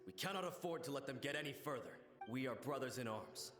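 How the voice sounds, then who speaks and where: A man's voice: mid-range voice, animated, brisk, natural voice. Earnest samurai played by a man, echoey. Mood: solemn resolve. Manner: formal, solemn. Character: loyal, earnest male samurai warrior. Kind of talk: video game dialogue acting. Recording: echoey, game music behind.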